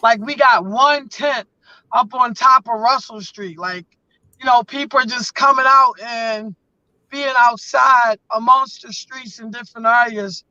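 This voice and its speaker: A woman talks with a bright, forceful edge, building her points in an emphatic, rallying rhythm. Her voice is close and dry. The sound is dull and lo-fi. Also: a little high, measured pace, dry recording. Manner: emphatic, rallying, preacher-like cadence. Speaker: guest community advocate. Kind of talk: casual live conversation.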